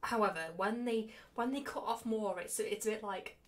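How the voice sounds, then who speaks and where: A young woman game streamer with a fairly high voice talks at a normal speed in a casual, chatty livestream, rambling, swearing and poking fun at herself. Loud background music, game music with guitar, plays over the recording.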